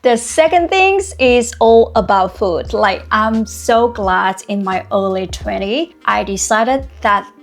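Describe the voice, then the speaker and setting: A woman's voice: medium pitch, lively intonation, slow, few pauses. Chatty young woman from Vietnam. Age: 20s. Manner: earnest, chatty, uses "like" often. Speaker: vlogger. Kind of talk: casual self-improvement vlog. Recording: light music behind.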